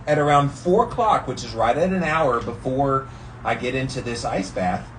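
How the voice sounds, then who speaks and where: A man's voice: medium pitch, animated, normal speed. An American man vlogging casually and enthusiastically while sitting in ice-cold water, with slangy, emphatic talk. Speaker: vlogger doing a daily challenge. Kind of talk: casual rambling vlog talk. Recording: distant mic with faint background noise.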